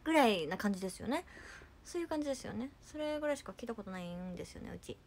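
A young woman casually chatting on a livestream, reading viewer comments with playful giggles and trying quick cartoon impressions. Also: medium pitch, animated, a little hiss or hum. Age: young adult.

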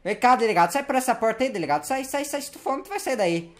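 A man giving casual gameplay commentary, slangy and playful, talking to the game's characters and getting excitable in the action. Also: very high voice, rapid-fire. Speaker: gameplay youtuber.

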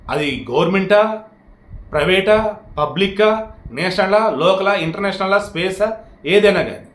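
In a roomy, echoing space, a man from India talks directly to viewers about politics, scolding them and hurling rhetorical questions. His voice sits high and carries a fairly bright tone.

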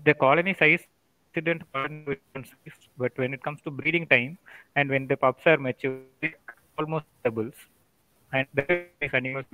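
A man speaking in halting, fragmented phrases over a glitchy online call whose audio keeps breaking up. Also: medium pitch, steady tone, no echo. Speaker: guest expert. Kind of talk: online panel discussion. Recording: tinny phone-like call line.

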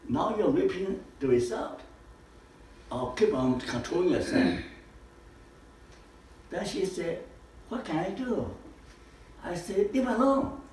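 An older man with a high, sing-song voice gives an informal lesson in a living room with a projector screen, speaking slowly with frequent pauses, asking rhetorical questions and gesturing broadly. His tone is darkish, with a little hiss or hum. A camera across the room picks him up from far off, so the room sounds echoey.

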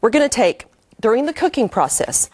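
Cooking at the stove over a sizzling pan and the sound of stirring, a middle-aged woman hosts a show and chats homily through each step for viewers. Her voice sits on the high side, very animated and fairly quick, with a slightly mellow quality. The recording is slightly rough.

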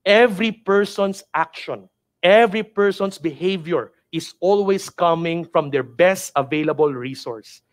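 A Filipino man in his thirties, a native Tagalog speaker from the Philippines with a Filipino accent, delivers a motivational training talk in a high, unhurried voice. He urges emphatically and repetitively, like a preacher, using rhetorical questions. He speaks into a headset mic in an indoor studio with a virtual backdrop.

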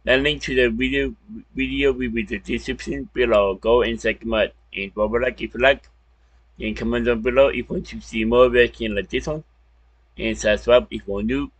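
A man's voice: medium pitch, fairly even intonation. A man hosting a reaction video, giggling and repeating lines, then reading a casual outro. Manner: echoes lines back, giggly and unhurried. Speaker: reaction channel host.

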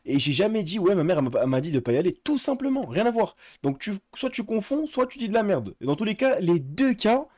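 A man's voice: high-pitched, sing-song, fast, few pauses, darkish tone, dry recording, clean studio sound. A man streaming live, caught in a heated online argument, insistently repeating the same slang address and talking over the other person.

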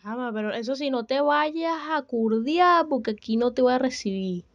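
Exasperated, sassy young Venezuelan woman, woman actor, a bit high, dry and lo-fi sound. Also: animated, moderate pace, no echo. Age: young adult. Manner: exasperated, complaining, sharp-tongued. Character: fed-up young woman, grumbling, short-tempered. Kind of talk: comedic student film acting. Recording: dull, dry, lo-fi.

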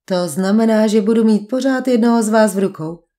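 A woman's voice: medium pitch, mellow, close to an everyday voice. A woman voicing a suave male villain posing as a duke, speaking with polite, mocking menace in an audiobook. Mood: cool, taunting. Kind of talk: audiobook character voice.

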